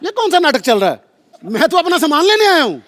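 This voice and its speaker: A man's voice: very high voice, sing-song, fast. A man playing an irate, threatening businessman in a live stage comedy sketch, blustering and mocking. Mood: irritated. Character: irate, threatening businessman demanding his money. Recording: noisy stage with audience.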